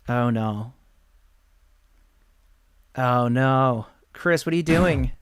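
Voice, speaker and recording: A man giving excitable, rambling live commentary while streaming a video game. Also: medium pitch, drawn-out words, clear, resonant tone, dry recording. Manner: excitable, rambling, exclaims often.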